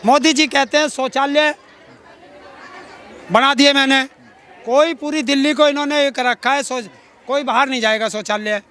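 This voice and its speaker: Interviewed outdoors in a public place, a middle-aged farmer activist from Uttar Pradesh, India, talks at a moderate pace with long pauses. His extremely high voice stays steady and sharp as he makes sarcastic, combative rhetorical challenges. A faint crowd murmurs behind the recording.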